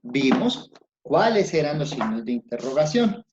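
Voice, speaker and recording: A man's voice: a little high, sing-song, unhurried. Patient male teacher on a video call. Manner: patient, encouraging, asks many questions. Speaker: primary school teacher. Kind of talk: online class with children. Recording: dull lo-fi sound, faint noise.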